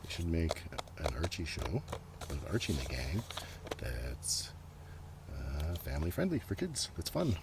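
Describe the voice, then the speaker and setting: Recorded outside with a soft breeze and clearly noisy surroundings, this ASMR creator rambles casually about the items he shows. His rumbling low voice has a sing-song quality, and he speaks unhurriedly, quietly, sometimes dipping into a whisper.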